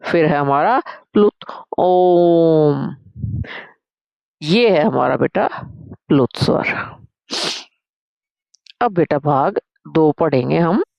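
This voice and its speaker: A woman's voice: fairly low pitch, gravelly, dry recording, muffled recording. A woman Sanskrit teacher, teaching a grammar lesson, calling her students "beta" and answering her own questions.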